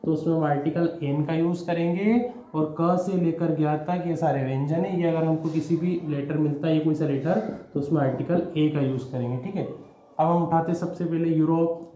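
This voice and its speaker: A man explains English grammar to students, patiently quizzing them and checking in with "okay?" after each step. His voice is a little high and mellow. The recording has some hiss or hum, an echoey room, and a dull lo-fi sound.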